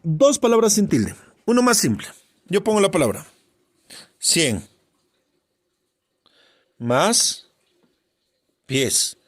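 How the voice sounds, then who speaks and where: A man's voice: high-pitched, very animated, takes it slowly, pauses often, no echo. A male teacher giving a spelling lesson, constantly quizzing with rhetorical questions and short checks for understanding. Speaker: grammar teacher.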